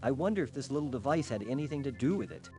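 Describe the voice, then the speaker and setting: A man's voice: medium pitch, animated, quick pace, close to an everyday voice. A man voicing a boyish, goofy starship captain in a video game. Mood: puzzled, excited. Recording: loud game music behind the voice.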